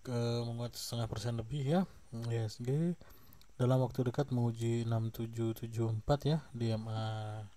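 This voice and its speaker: A man with a medium-pitched voice hosts a stock market channel, casually going through charts at a moderate pace. He sounds relaxed, uses lots of fillers and tag questions, and coughs slightly.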